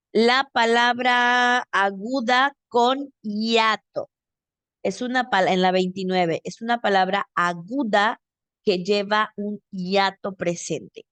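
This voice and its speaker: Woman, Mexican accent, teacher, slow patient explaining, video call, dry close sound. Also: mid-range voice, a bit bright, dry recording. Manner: patient, explains step by step and checks with "¿ok?". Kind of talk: online grammar lesson.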